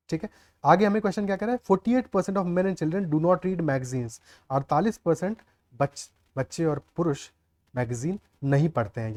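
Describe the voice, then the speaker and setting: Teaching maths one step at a time, a man with a mellow voice on the high side talks through each point. He keeps checking whether the class is following, asking "clear?" and "okay" again and again.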